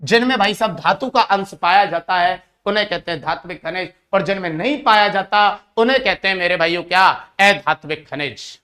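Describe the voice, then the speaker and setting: A man's voice: high-pitched, fairly quick, few pauses, bright, forceful tone. Man, teacher, exam-prep lesson, asks and answers his own questions, repeats key terms.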